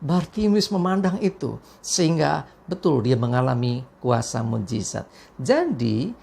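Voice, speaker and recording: Lively, gravelly woman preaching a devotional. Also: extremely low pitch, a little slow. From Indonesia. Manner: lively storytelling preacher who voices the people in the story. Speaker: pastor. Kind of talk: morning devotional sermon.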